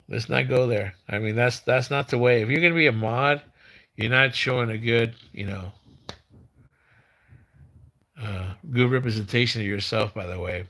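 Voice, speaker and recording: Speaking in a medium-pitched voice that's creaky and a little bright, a live stream host in his fifties chats casually. His words slur and mumble as though his tongue were partly numb, and he stalls and says things twice.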